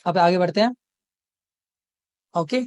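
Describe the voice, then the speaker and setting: A woman's voice: lowish voice, slow, a little mellow, no echo. Woman tutoring, dry close sound. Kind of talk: casual exam-prep lesson.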